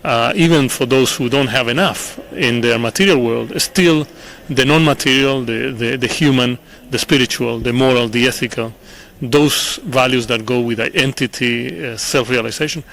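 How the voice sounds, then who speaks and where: A middle-aged man from Chile, answering interview questions in an earnest, measured way with frequent pauses and repeated words. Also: medium pitch, gravelly, fairly bright tone, slight background noise. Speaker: interview guest, international official. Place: conference venue.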